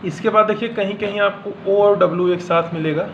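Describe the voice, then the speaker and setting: A man teaching pronunciation in Hindi, reading out example words one at a time in a slow, deliberate way. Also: high voice, steady tone, fairly bright tone. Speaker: English teacher. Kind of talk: classroom lesson explaining pronunciation. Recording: dull lo-fi sound with faint room hum.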